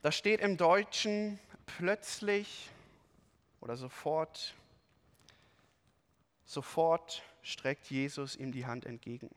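A man preaching a sermon, reading scripture aloud and explaining it with lively, expressive emphasis. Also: fairly high pitch, slow pace, long pauses, in a large hall.

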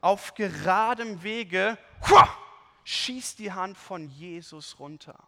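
A man preaching a sermon, reading scripture aloud and explaining it with lively, expressive emphasis. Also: sits high, takes it slowly, vocal fry, in a large hall.

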